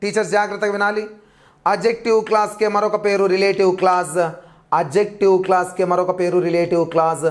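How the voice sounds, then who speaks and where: A man's voice: high-pitched, level tone, fast talker. A man teaching English grammar for a teacher exam, repeating key terms emphatically as he drills them. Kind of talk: exam-prep grammar lecture.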